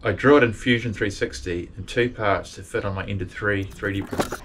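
A man with a somewhat low voice narrates a metalworking project in a relaxed, dry-humoured way. He is recorded in a workshop, and clear noise is heard behind him. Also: fairly quick. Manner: laid-back, dry humour. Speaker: welder and fabricator vlogger.

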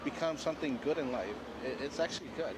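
A man interviewed outside, answering haltingly with lots of fillers and restarts. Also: a little high, background noise. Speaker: fan interviewed in the street. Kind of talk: casual vox pop.

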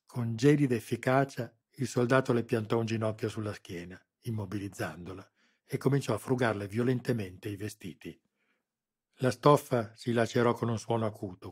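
Male audiobook narrator, husky, low, measured scripted narration.

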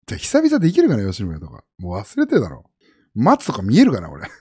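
Speaking fast in a husky voice, a Japanese streamer chats loosely with his audience and drifts from subject to subject. His rambling, animated delivery swings between high and low pitch.

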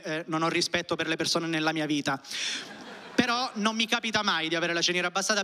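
A man's voice: high voice, bright, forceful tone. A man doing an ironic, conversational stand-up routine with casual swearing, speaking into a handheld stage microphone. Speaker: stand-up comedian. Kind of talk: stand-up comedy routine to a live audience. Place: comedy club stage with seated audience.

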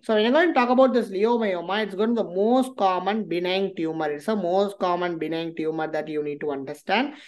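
A woman's voice: lowish voice, a little mellow. A woman with a South Indian Tamil accent giving a medical revision lecture, repeating key phrases for emphasis and checking in with listeners.

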